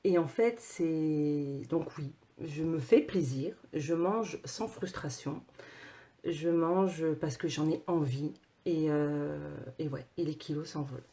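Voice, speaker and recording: A woman coach talking casually to her viewers, animated, with many repeated words and restarts. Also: sits low, slow pace. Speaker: personal coach and author.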